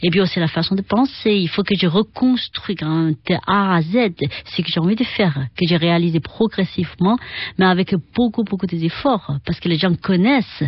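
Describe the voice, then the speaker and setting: A middle-aged woman from China, with a Chinese accent, speaking as an interview guest who often pauses and searches for words. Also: lowish voice, slightly rough, no room sound, muffled recording. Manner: halting, searching for words with many fillers. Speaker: guest, Qigong and Tai Chi teacher. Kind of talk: radio interview.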